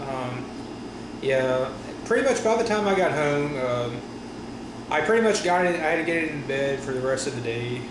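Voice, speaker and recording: A man talking casually in a personal vlog after wisdom teeth surgery, with a sore stiff jaw, halting and often correcting himself. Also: mid-range voice. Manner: halting, rambling, frequent self-corrections. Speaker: vlogger. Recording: roomy echo with steady room noise.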